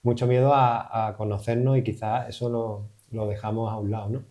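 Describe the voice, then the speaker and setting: A man's voice: on the low side, flat delivery, normal speed, warm tone. A man hosting a podcast interview, speaking casually and a little tentatively, often ending with "¿no?". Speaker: podcast host. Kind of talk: conversational interview.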